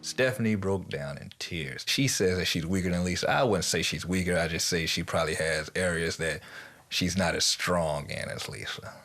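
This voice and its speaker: A man's voice: low-pitched, normal speed, bright, forceful tone. A man on a reality show, talking in a laid-back, hesitant way with false starts. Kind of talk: casual confessional interview.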